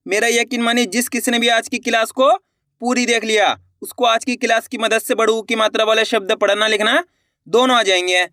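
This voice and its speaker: Bright, high-voiced male reading teacher. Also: dry recording, studio quality. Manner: slow, drawn-out sounding of letters, addresses viewers as friends. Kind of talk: online video lesson.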